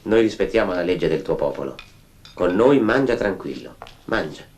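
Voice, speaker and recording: An actor playing a kindly male host who gently reassures a guest and urges him to eat, in a film scene. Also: low voice, animated, moderate pace. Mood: reassuring.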